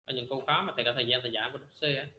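A middle-aged math teacher lectures his class, his voice bright and forward. He keeps pausing on hesitant fillers as he explains. The sound is roomy and a little muffled, with faint noise under it. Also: medium pitch, fairly even intonation. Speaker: high school math teacher.

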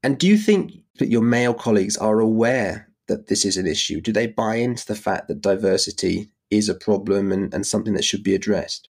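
A man's voice: on the low side, brisk, vocal fry, few pauses, a little mellow. A man interviewing on a podcast, wordy and tentative, often rephrasing as he goes. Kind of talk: interview questioning.

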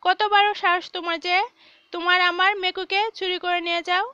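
A woman voicing a furious young mother who shouts and hurls insults down the phone in a read-aloud story. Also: very high voice, moderate pace, no room sound, lo-fi sound. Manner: scolding, hurling insults.

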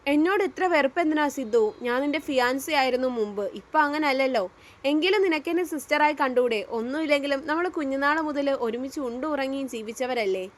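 A woman's voice: sits high, a little fast, close to an everyday voice. A woman voicing a young former fiancée in an audio story, pleading and coaxing.

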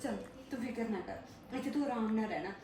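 A woman acting in a family drama, comforting and insisting in a quick, firm way. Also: a little high. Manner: comforting, insistent, fast-talking. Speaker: actor in a family web drama. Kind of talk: scripted family drama dialogue. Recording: echoey room, far from mic, faint noise.

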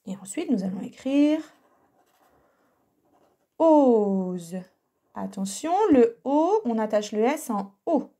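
A woman teaching a recorded lesson for young children, speaking slowly and patiently and carefully sounding out letters. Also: fairly high pitch, animated, warm tone. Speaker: primary school teacher.

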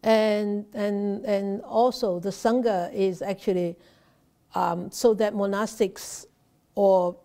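Slow halting Hong Kong woman teaching. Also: medium pitch, steady tone, mellow. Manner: slow, halting, many restarts and fillers. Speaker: Buddhist nun teacher. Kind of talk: Dharma talk. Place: temple shrine room indoors.

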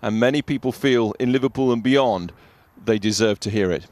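A man's voice: medium pitch, moderate pace, darkish tone. A man reading scripted narration as a television news reporter.

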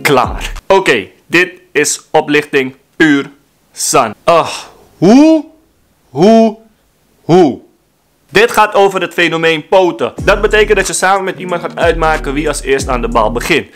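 A young man vlogging in a lively, comic way, slipping into silly voices for the people he quotes. His voice sits a little high for a man. Soft music plays faintly underneath. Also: normal speed. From Netherlands. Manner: animated, acts out quotes in funny voices, laughs often. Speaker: YouTube vlogger. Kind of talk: casual comedic storytelling.

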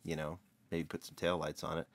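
A man's voice: a bass voice, flat delivery, brisk, no room sound, studio quality. A man casually showcasing toy cars as a collector, talking in a conversational, opinionated way with frequent ums and uhs. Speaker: toy car collector reviewer.

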